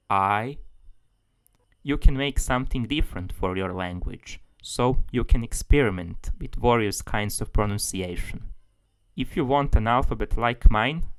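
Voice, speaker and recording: A man's voice: mid-range voice, no echo. A man giving a tutorial as a language tutor, explaining things steadily, step by step.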